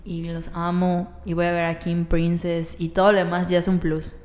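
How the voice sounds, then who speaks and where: A young Mexican woman co-hosting a podcast in casual, slangy chat, her voice going hoarse. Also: fairly low pitch, completely flat delivery, moderate pace, darkish tone, echoey room, in a large hall. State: losing her voice. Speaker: podcast co-host.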